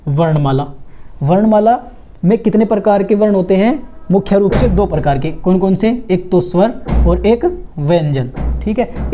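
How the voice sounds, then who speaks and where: A woman teaching a grammar lesson for exam students, asking questions and answering them herself, slowly drawing out and repeating sounds. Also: mid-range voice, dark tone. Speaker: Hindi teacher.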